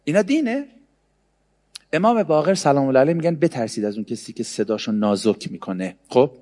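A man giving a humorous sermon, sarcastic, swinging between loud and hushed delivery. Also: mid-range voice, lively intonation, in a large hall. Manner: sarcastic, mimics others in mocking voices. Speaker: religious speaker.

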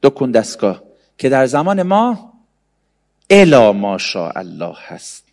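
A man giving a humorous sermon, sarcastic, swinging between loud and hushed delivery. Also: medium pitch, very animated, big-room sound. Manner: sarcastic, mimics others in mocking voices. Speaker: religious speaker.

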